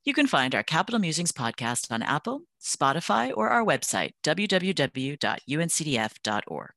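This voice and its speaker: A woman's voice: low-pitched, moderate pace, no echo. A woman hosting a podcast, reading a polished introduction and asking questions. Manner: bright, lively, polished. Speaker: podcast host.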